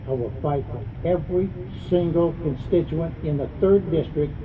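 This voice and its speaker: A man's voice: fairly high pitch, far from the mic, narrow, tinny audio, noisy background. A man speaking as a political candidate at a news conference, plain-spoken and adamant, repeating phrases for emphasis. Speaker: congressional candidate and veterans advocate. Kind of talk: campaign speech at a news conference.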